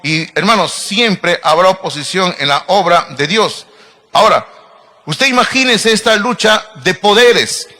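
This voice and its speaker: A man's voice: high-pitched, a little slow, pushed and bright. A middle-aged man preaching a sermon as pastor, emphatic and full of rhetorical questions to his congregation. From Peru.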